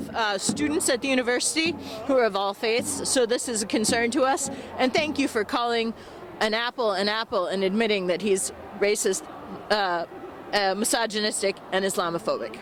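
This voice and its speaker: A woman speaks firmly at an outdoor protest for university workers. Her slightly high voice comes from off-mic, with clear street noise behind it. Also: normal speed.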